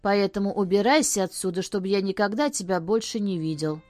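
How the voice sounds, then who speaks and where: A woman's voice: medium pitch, fairly quick, darkish tone, no echo, natural voice. A woman voicing a vain, cruel boy who speaks with sneering contempt in a storybook reading. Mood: scornful.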